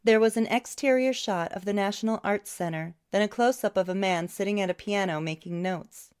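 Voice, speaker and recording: A woman reading a novel aloud as an audiobook narrator, in a steady, even storytelling way. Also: medium pitch, a little fast, clean tone. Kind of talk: scripted narration.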